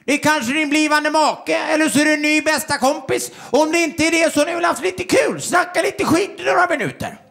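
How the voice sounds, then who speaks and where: A man performing a stand-up comedy routine on stage, telling stories and mimicking people in quick bursts, with audience laughter behind him. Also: very high voice, gravelly. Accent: Swedish. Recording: live show with loud crowd.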